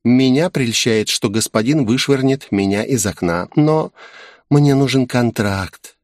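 A man's voice: medium pitch, unhurried, no echo, studio quality, natural voice. A man voicing a coy, playful female demon guardian in an audiobook, purring and teasing. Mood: coaxing. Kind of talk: audiobook character voice.

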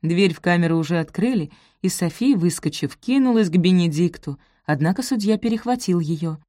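A woman narrating a novel aloud for an audiobook, reading expressively and shifting into each character's voice. Her voice sits on the low side. The recording is dry and close, with no room sound. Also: expressive, fairly quick, dark tone, dry recording.

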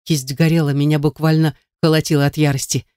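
A narrator reading a first-person novel in a steady, even way. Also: mid-range voice, a little fast, smooth, no echo, clean studio sound. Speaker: audiobook narrator.

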